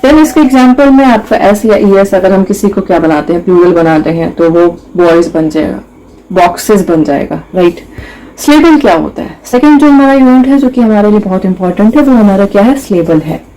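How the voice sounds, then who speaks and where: A woman's voice: mid-range voice, a little fast, warm tone, low-quality recording. A young woman teaching an English grammar lesson, mixing Hindi and English, explaining step by step and asking her students rhetorical questions.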